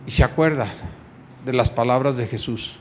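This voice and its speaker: A man's voice: mid-range voice, moderate pace, slight background noise. A man preaching a sermon, retelling a scripture story and acting out the dialogue with changing voices. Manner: acts out dialogue with shifting voices.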